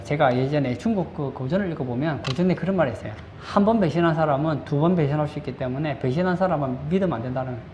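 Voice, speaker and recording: A man's voice: fairly high pitch, darkish tone. A male pastor delivers a sermon in a church sanctuary, asking the congregation rhetorical questions and answering them himself. He leans on repeated phrases for emphasis. The room echoes noticeably, with a faint hum of background noise.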